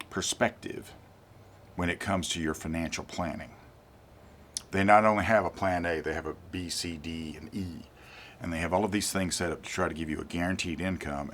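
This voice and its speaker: A low, fairly bright voice belongs to an older reviewer, 50s or beyond, who runs a channel of informal equipment reviews. Talking right to his audience, he's emphatic and deliberate, doubling up on words for emphasis, and a bit of hiss or hum sits under the audio.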